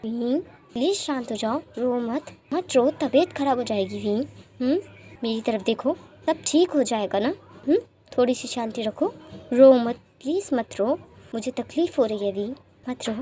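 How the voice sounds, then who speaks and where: A woman voicing a calm, protective young man who patiently soothes the one he loves in a storybook romance. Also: fairly high pitch, brisk, slight background noise, natural voice. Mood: soothing.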